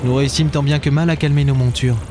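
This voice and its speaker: A man with a wry, deadpan delivery, narrating a comic radio serial as its lead character. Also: mid-range voice, fast, music in the background.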